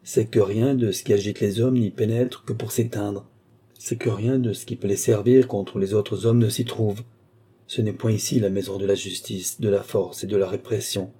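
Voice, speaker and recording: A man reading the part of a dignified princess who heads a convent, speaking calmly and firmly. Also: on the low side, normal speed, slightly rough. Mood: measured. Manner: calm, firm, questioning. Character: dignified royal prioress of a convent. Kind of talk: audiobook character reading.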